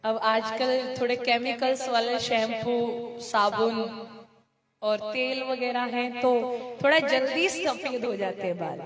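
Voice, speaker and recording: A woman's voice: on the high side, measured pace, a crowd in the background. A woman storyteller giving a devotional sermon, acting out the characters of a parable and laughing along the way. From India. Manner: acts out story characters with crying voices and laughs. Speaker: katha storyteller. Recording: echoey hall with music behind.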